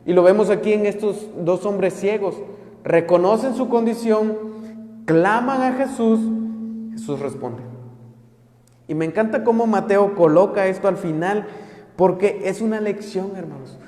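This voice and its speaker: A man teaching a Bible study sermon. He speaks earnestly, slows down to stress key words, and often hesitates with fillers and repeated words. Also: sits high, a little mellow. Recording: echoey room with long reverb.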